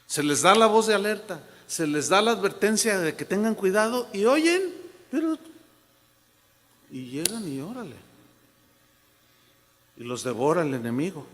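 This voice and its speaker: A man's voice: sits high, sing-song, a little slow, pauses often, a bit bright, big-room sound. A man preaching a sermon as pastor, emphatic and urging as he warns his congregation.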